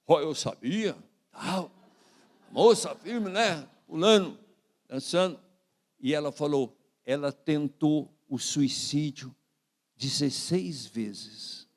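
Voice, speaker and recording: A man with a Brazilian Portuguese accent preaching a sermon as a pastor, telling a story with lively shifts of voice as he acts out what others said. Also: a little high, creaky. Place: church sanctuary. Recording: reverberant church hall.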